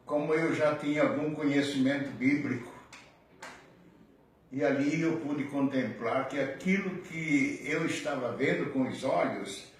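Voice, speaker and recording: An older man, a pastor, telling his personal testimony in a slow, earnest way. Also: mid-range voice, a little hiss or hum. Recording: very echoey, distant mic.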